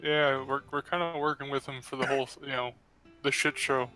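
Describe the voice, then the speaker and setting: A man's voice: medium pitch, little pitch movement, a little fast, pushed and bright. A man chatting casually as a player in a tabletop game, informal and given to swearing. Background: guitar music.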